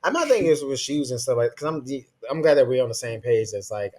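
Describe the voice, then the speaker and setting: A young man co-hosting a podcast in casual chat, slangy and animated, laughing often. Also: mid-range voice, fast. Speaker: podcast co-host.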